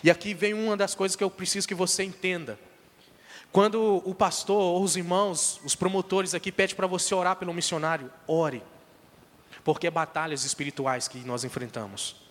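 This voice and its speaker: A man with a Brazilian Portuguese accent and a high-pitched voice shares a testimony from the pulpit. He speaks emphatically, calling on the listeners directly. His voice rings with the long reverb of a large church hall. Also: fairly even intonation, moderate pace. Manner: emphatic, exhorting the congregation directly. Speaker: missionary giving testimony in church.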